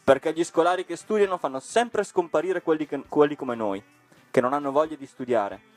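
A man's voice: on the high side, brisk, darkish tone, soft background music, pitched above the performer's own voice, lightly acted. A man reading a storybook and voicing a gang of rowdy schoolboy bullies, scornful and threatening.

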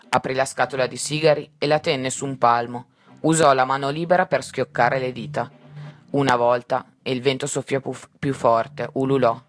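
A man reading a story aloud in a measured, unhurried way. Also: medium pitch.

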